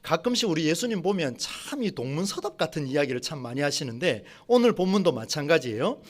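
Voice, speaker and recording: A male pastor delivers a sermon with a highly animated delivery, his voice rising and falling sharply as he questions the congregation. His pitch sits a bit high for a man. He slows to a measured, lifted tone whenever he reads from scripture. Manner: lively preaching with rhetorical questions to the congregation; slows and rises when reading scripture aloud.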